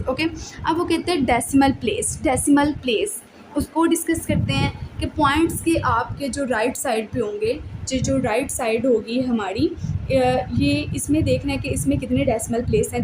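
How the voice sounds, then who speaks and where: A woman's voice: high-pitched, noisy background. A woman math teacher patiently explaining a lesson to children, repeating each step and mixing in English terms.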